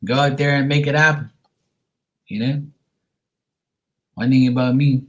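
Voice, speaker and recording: A man's voice: mid-range voice, steady tone, unhurried, a bit bright. A man hosting a casual livestream chat, talking informally to viewers and giving them encouraging advice. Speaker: psychic reader and livestream host.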